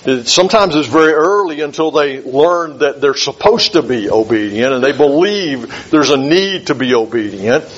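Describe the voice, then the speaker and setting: A man preaching a sermon in a measured, emphatic way, repeating key phrases for weight. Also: mid-range voice, expressive, breathy edge. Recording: dull lo-fi recording.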